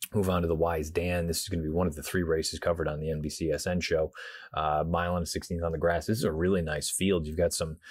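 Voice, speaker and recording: Man, racing show host, hushed quiet delivery, husky, fairly flat intonation, casual preview commentary. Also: extremely low pitch, dry recording. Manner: hushed, quiet indoor voice, holding volume down. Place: hotel room.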